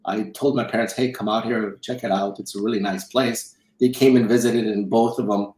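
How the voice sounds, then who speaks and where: A middle-aged man from Romania speaks over a webcam from a home office, his voice sitting low. The room is echoey around him. He rambles and circles back on his words while he thinks. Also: fairly even intonation, fairly quick, darkish tone. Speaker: guest, film financier. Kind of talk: casual interview. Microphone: video call webcam.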